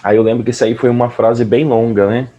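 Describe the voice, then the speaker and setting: A man teaching English listening in a casual, relaxed way, often checking in with the listener. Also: medium pitch, fast talker. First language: Portuguese. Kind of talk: casual explanatory lesson.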